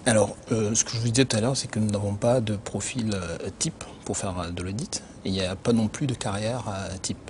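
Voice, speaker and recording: Measured, low-voiced man explaining his job. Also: fairly even intonation, noisy background. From Benin. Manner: measured, explanatory, frequent hesitations. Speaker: internal auditor, interview guest. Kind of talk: corporate career interview.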